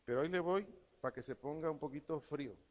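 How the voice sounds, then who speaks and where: A man's voice: a little high, fast talker, a little mellow. A man preaching a sermon as pastor, reading scripture aloud with emphasis and repeating key words. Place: church. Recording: church sermon with long hall reverb.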